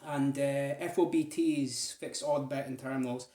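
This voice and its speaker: A vlogger from Aberdeen, Scotland, talks casually to his viewers in a rambling monologue packed with fillers. His voice is medium-pitched and warm, with fairly even intonation and a measured pace. The sound is roomy.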